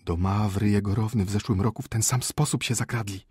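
A man reading an audiobook and voicing a frightened, indignant wife in a shrill, pleading voice. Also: steady tone, brisk, darkish tone, slightly rough, no room sound, clean studio sound. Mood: panicked. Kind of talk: audiobook character voice.

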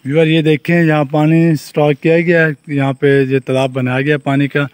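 A man's voice: a little high, flat delivery, moderate pace, no echo. A young man from Pakistan with a Saraiki-region Urdu accent, giving an eager vlog tour of a farm and building site, speaking into a phone held at arm's length outdoors. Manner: enthusiastic, repeats phrases like "look at this". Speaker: vlogger. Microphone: phone camera, selfie at arm's length.

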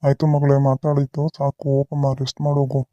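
A man's voice: medium pitch, completely flat delivery, quick pace, dark tone, dry recording, lo-fi sound, natural voice. A man playing an easygoing village father who sounds weary and grumbles at his wife in a family skit. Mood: grumbling.

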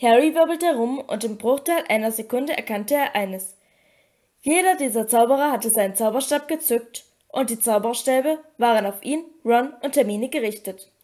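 High-voiced woman reading an audiobook. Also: normal speed, a little mellow. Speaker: audiobook reader. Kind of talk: audiobook narration.

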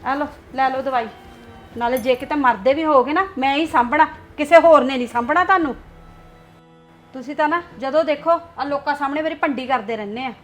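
A woman's voice: high-pitched, brisk, soft background music, close to an everyday voice. A woman playing a resentful young daughter-in-law in a family web drama, tart and sarcastic.

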